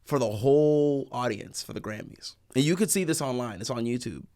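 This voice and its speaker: A man in his thirties, a guest in a casual interview, telling stories in an animated way and acting out what people said. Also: mid-range voice, a little fast. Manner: animated, acts out quoted people.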